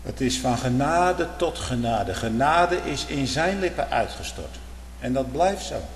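A fervent man preaches with a cadence, firing off rhetorical questions and swinging between loud outbursts and low murmurs. His voice rings through a large, echoey hall with a long reverb and a faint hum underneath. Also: lively intonation, unhurried. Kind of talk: sermon. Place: church.

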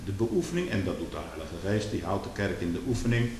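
A man preaching a sermon, fiery, swinging from quiet murmurs to loud outbursts. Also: on the low side, big pitch swings, fast talker. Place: church. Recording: echoey church hall with hiss.

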